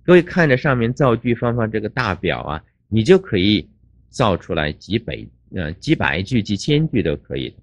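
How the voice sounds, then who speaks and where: Older man, lecturing teacher, low voice, drawn-out fillers, dry recording. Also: big pitch swings, dry recording, muffled recording. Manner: explains slowly, repeats and adds drawn-out "啊" fillers. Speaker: English teacher. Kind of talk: lecture explaining English grammar.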